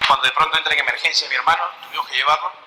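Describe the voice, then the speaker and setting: A man's voice: a little high, fairly even intonation, racing, bright, forceful tone, roomy sound, poor audio. A man, preaching a personal testimony with emotional storytelling and acted-out prayers. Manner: emotional storytelling, reenacting his own prayers. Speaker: lay preacher.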